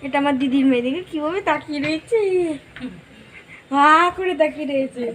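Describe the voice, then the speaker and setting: High-voiced young woman, a bit hoarse. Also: brisk, slight background noise. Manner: chatty, playful commentary on her mother's cooking. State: hoarse throat. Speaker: daughter of the vlogger. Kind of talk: casual chat to viewers. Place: home kitchen.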